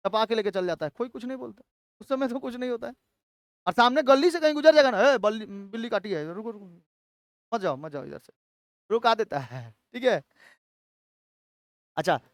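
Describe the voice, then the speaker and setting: A man's voice: extremely high pitch, smooth, dry recording, clean studio sound. Male teacher quizzing his class. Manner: asks the class questions and answers them himself, with frequent "theek hai" check-ins. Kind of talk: classroom history lecture.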